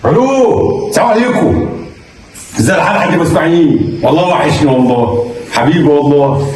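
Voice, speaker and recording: A man with an Egyptian accent acting a comedy sketch, loud, exasperated and cursing. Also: on the high side, expressive, quick pace, slight background noise. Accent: Egyptian Arabic. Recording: echoey room, far from the mic.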